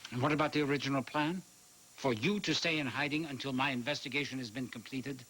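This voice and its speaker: Worried investigator played by an actor, urgent, bright voice, soap opera. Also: male voice, mid-range voice, fast talker, slight background noise, lightly acted. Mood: concerned. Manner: concerned, urgent. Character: worried male investigator, protective. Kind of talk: daytime soap acting.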